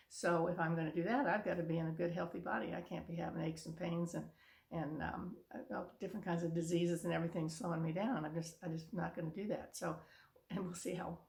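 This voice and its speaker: Lady in her 70s, earnest rambly pep talk, low raspy fry in her voice. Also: a little mellow, reverberant. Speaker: vlogger. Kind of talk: casual motivational talk to camera.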